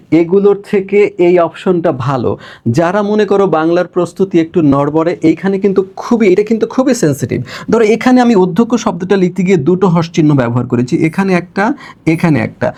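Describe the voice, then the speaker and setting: A young man from Bangladesh leads an exam-prep lesson in a gravelly, slightly high voice. He talks students through each step and keeps checking that they follow. When he writes on the board he slows down and stretches out his words. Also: mellow. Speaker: teacher.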